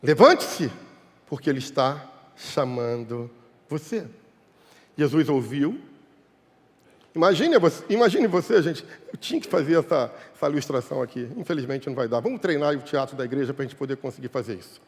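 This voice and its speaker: A Brazilian man preaches from the pulpit in a notably high voice. He swings from fervent shouted calls to low, hushed asides. A long reverb from the church hall trails every phrase. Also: lively intonation, fast. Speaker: pastor. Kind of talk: sermon.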